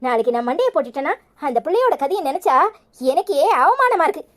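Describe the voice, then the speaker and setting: A woman voicing a fierce, sharp-tongued older village mother in a Tamil cartoon, speaking with a Tirunelveli accent and cursing freely. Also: sits high, sing-song, fast. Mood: bitter. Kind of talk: cartoon voice acting.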